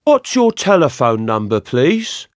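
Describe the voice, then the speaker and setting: A man acting a polite person taking down a phone number in a scripted course dialogue, repeating digits clearly and carefully. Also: mid-range voice, big pitch swings, unhurried, a little hiss or hum.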